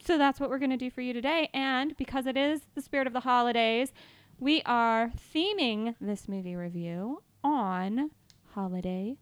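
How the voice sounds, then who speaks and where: A woman's voice: fairly high pitch, smooth, no room sound. Casting: a playful woman co-host with an Ohio accent, joking banter, dead dry sound. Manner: playful, laughing, drawn-out emphasis. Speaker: podcast co-host. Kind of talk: casual horror podcast banter.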